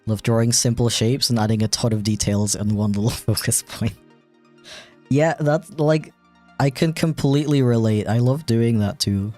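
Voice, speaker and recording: A man's voice: medium pitch, normal speed, mellow, faint music behind. A man streaming while he animates, chatting casually and rambling with a self-deprecating tone and lots of fillers. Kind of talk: casual livestream chat.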